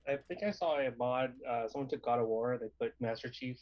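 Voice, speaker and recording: Man, casual stream chat, rapid delivery, dry lo-fi mic. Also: medium pitch, no room sound. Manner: rambling, self-correcting. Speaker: stream co-host.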